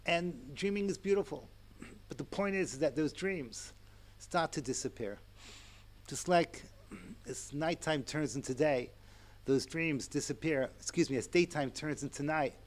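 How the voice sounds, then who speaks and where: Man in his sixties, Torah lecture, animated asides, fairly high-pitched. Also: a little slow. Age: 60s. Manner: animated, chatty, with asides and chuckles. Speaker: rabbi and lecturer.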